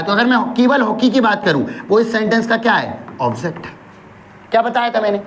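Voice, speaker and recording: A man teaching English grammar, firing rhetorical questions at his class, answering them himself and dictating example sentences slowly word by word. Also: sits high. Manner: asks questions and answers them himself, calls listeners brother.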